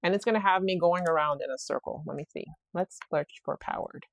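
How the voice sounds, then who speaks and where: A woman's voice: lowish voice, a little fast, dry recording. A woman hosting her own podcast in a casual, rambling solo chat, thinking aloud as she works through a problem. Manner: rambling, self-talk while fixing things, quotes herself; frequent fillers and restarts, laughs easily. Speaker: podcast host.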